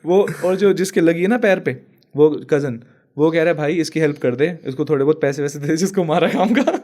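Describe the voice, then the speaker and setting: High-voiced young man telling a story. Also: a little fast. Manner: animated storyteller, laughs often. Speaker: podcast guest. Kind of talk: casual chat, storytelling.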